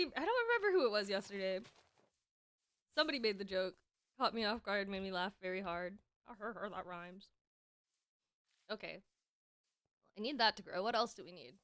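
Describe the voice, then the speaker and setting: A woman's voice: mid-range voice, animated, normal speed, long pauses, fairly bright tone, no room sound. A young woman streaming a game, chatting casually, giggling often and sometimes talking with her mouth full. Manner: chatty, giggly, talks while eating.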